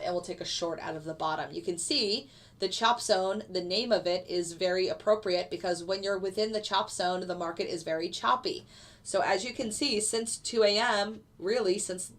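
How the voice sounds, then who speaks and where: Stuffy-nosed woman with a lowish voice. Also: a bit bright. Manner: casual, explanatory, with frequent fillers. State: stuffy nose from a lingering cold. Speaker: futures day trader streaming live. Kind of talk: live trading commentary answering chat.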